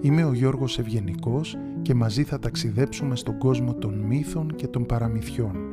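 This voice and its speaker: A man hosting a storytelling podcast, reading a fairy tale in a calm, measured way. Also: medium pitch, over loud music. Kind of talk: scripted storybook narration.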